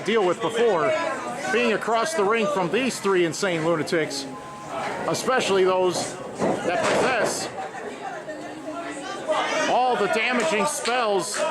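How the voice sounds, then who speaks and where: High-pitched male lucha libre announcer over roaring crowd. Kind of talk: excited wrestling play-by-play commentary. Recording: loud crowd noise behind the voice. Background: noisy wrestling arena crowd.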